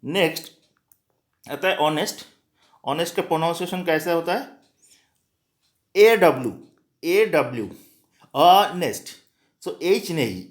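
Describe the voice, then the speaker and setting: A male teacher explains grammar rules for exam students, repeating example words one by one. His voice sits a little high. He speaks slowly and patiently.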